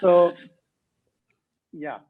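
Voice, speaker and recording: A man's voice: high-pitched, fairly even intonation, extremely slow. A man hosting a podcast interview, speaking hesitantly with many fillers and restarts. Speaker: podcast host. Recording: tinny phone-like line.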